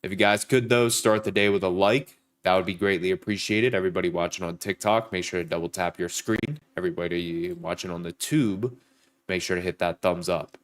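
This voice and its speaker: Fairly quick and deep-voiced, a young man streams his trading session while congested and hoarse with a sore throat. He chats casually, greets people by name, and drums up likes from viewers.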